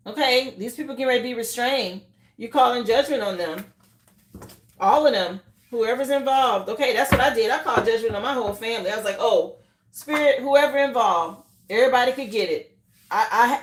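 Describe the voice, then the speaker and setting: A woman's voice: fairly high pitch, roomy sound. A woman giving a live tarot reading, talking straight to her viewers with emphatic, repeated reassurances. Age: adult, mother of children. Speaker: tarot reader.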